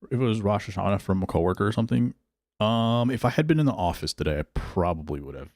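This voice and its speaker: A man's voice: on the low side, lively intonation, fast talker, a little mellow, no room sound, clean studio sound. A male streamer chatting casually while he plays, thinking aloud about his picks and answering his chat. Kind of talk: casual gameplay livestream chat.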